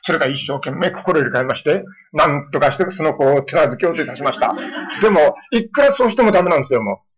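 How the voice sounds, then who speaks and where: A middle-aged male pastor preaching a sermon, telling stories and acting out children's lines in a lively way. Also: fairly high pitch, fast, crowd noise, rough recording. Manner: storytelling with lively voiced quotes of children.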